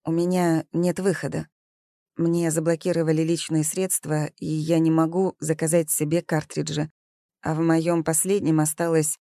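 A woman's voice: low-pitched, little pitch movement, moderate pace, gravelly, warm tone, dry recording. A woman voicing a young woman who is cornered and anxious, speaking tensely and defensively. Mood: desperate.

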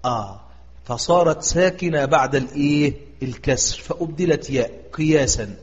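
A man with an Egyptian accent teaching a recitation lesson, quizzing his students and drawing out example words slowly. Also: a little high. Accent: Egyptian Arabic. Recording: echoey, dull lo-fi audio.

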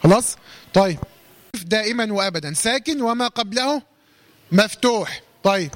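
Man, Egyptian accent, recitation teacher, high voice, drawn-out demos, dry close sound. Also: a bit bright, no echo. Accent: Egyptian Arabic. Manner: quizzing, asks questions and answers them himself. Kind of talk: Quran recitation lesson.

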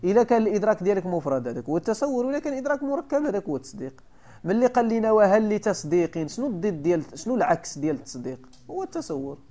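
Rapid-fire and very animated, a high, mellow male voice leads a classroom lesson explaining a classical text. He's a sheikh with a Moroccan accent who constantly quizzes his students and repeats the essentials.

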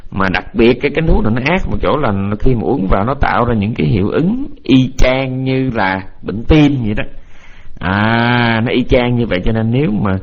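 A male Buddhist teacher gives a dharma talk to an online group in a mid-pitched voice. He rambles with halting repeated words and slows right down when he dictates. The audio is dull and lo-fi. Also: expressive. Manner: rambling, repeats words while searching, dictates slowly for notes.

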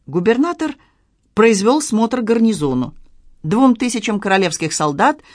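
Audiobook narrator, measured, expressive, mid pitch, dry close studio sound. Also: no room sound. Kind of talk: scripted literary narration.

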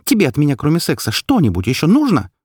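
A man voicing a jealous, furious young woman heroine who shouts sharp accusations at her lover in an audiobook story. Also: fairly high pitch, wildly swooping pitch, fast, husky, no room sound, clean studio sound, pitched above the performer's own voice, heavily acted. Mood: angry.

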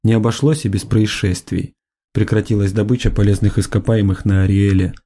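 A man narrating a science fiction audiobook in a measured, even reading style. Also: fairly low pitch. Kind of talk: scripted narration.

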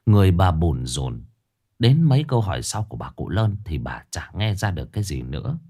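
A man narrating a ghost story in a dramatic, expressive storytelling manner. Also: sits low, brisk, slightly rough.

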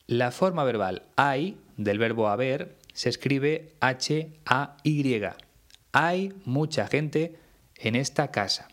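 Man, Spanish accent from Spain, slow measured lesson, spells out letters. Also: mid-range voice. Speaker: Spanish teacher.

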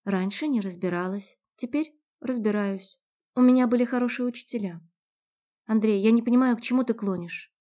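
A woman reading voices a fiery young woman who snaps out commands and climbs to shouts, her tone mellow and warm beneath the strain. The lo-fi recording has a dull, muffled edge. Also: fairly high pitch, normal speed, voice pushed up, lightly acted. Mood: defensive.

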